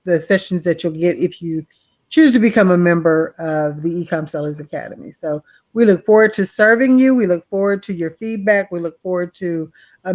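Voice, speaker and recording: A woman's voice: on the low side, a little mellow, muffled recording. A sleepy woman co-hosting a casual live stream, chatty and prone to repeating herself. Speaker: co-host of a live seller stream.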